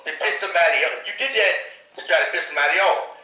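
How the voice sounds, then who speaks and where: A man hosting a podcast, giving blunt, animated opinions in casual slang. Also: a little high, racing, heavy reverb, distant mic, low-quality recording. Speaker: podcast host. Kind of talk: casual chat.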